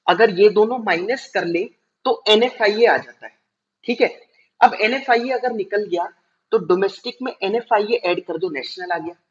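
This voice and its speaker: A male teacher giving a classroom lecture, explaining step by step, slowing down to spell out terms and checking whether students follow. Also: high voice. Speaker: commerce teacher. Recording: dull lo-fi recording.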